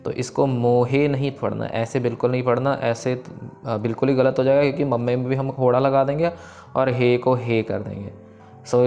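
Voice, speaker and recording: A man leads a recitation lesson, drawing out each sacred line slowly before breaking into brisk explanations of how every syllable should sound. His voice sits at an ordinary middle pitch, and faint background music plays softly beneath him. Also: highs cut off. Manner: chants verses slowly, then explains pronunciation quickly. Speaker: teacher of scripture recitation. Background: soft background music.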